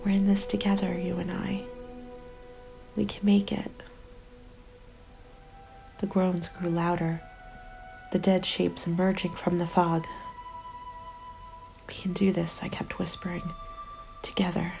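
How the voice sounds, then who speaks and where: In a scripted first-person ASMR roleplay, a woman plays a lone, exhausted female survivor of a zombie apocalypse, her hushed voice low and creaky with frequent breathy whispers. She speaks in a level, very even tone, slowly and with long pauses, over music. The mood is soothing yet tense, and the audio is poor.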